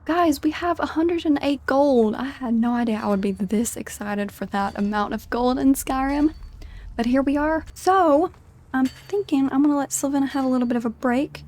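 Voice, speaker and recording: Her voice sits high and a little mellow at a normal speed as she plays a video game. The gamer keeps up giggly, chatty, role-play commentary, talking through her character's emotions.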